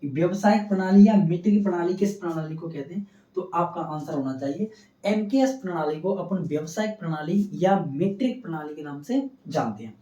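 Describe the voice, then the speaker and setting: A man's voice: on the high side, expressive, a little fast, dark tone. A male science teacher giving a classroom lecture, asking questions and answering them himself and repeating key terms. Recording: echoey room, distant dull mic.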